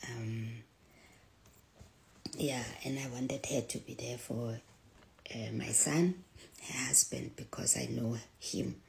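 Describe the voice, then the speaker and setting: A middle-aged woman telling a personal story in a soft, hushed voice that often drops to a near whisper. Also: a bass voice, steady tone, slow pace, creaky, long pauses, slight background noise, poor audio.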